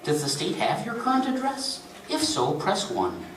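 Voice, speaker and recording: A man's voice: sits high, huge pitch swings, moderate pace, a bit bright, roomy sound, recorded from a distance, slight background noise, voice pushed up, heavily acted, low-quality recording. A man voicing a prim automated telephone menu that turns needling, reading aloud to an audience. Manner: clipped menu prompts turning snide. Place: convention reading room.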